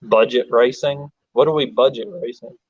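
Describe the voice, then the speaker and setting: A man's voice: mid-range voice, normal speed, slightly rough, dry recording, lo-fi sound. A man from Alabama, hosting a casual livestream, rambling, laughing often and reading chat aloud. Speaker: livestream host.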